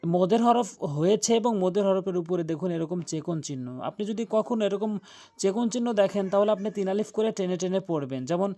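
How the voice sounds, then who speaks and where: A man's voice: high-pitched, animated, moderate pace, dark tone. A man teaching Quran recitation, earnestly spelling out each letter and rule with emphatic warnings. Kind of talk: religious lesson on Quran recitation.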